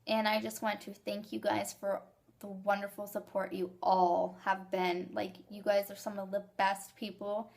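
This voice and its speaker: A young woman talking casually to her viewers in a rambling, excited and emotional way, with hiccups. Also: mid-range voice, normal speed, gravelly. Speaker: vlogger sharing fertility journey. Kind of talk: casual vlog.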